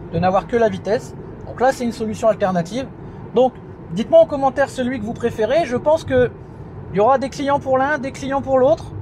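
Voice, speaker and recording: High-voiced chatty man reviewing in a car. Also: noisy background. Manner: chatty, many fillers and "hein". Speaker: car video host. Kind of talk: casual product review vlog. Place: inside a car, driving.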